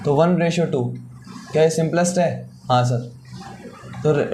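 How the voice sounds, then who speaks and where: A man's voice: a little high, darkish tone, a little hiss or hum. A man teaching chemistry in a classroom-style lecture. He asks questions, answers them himself, and repeats each step.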